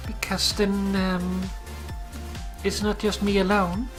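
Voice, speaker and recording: A woman hosting a gaming stream, chatting casually in a sleepy, relaxed way with soft laughs. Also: medium pitch, takes it slowly, music in the background. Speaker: streamer host. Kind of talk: casual chat while gaming.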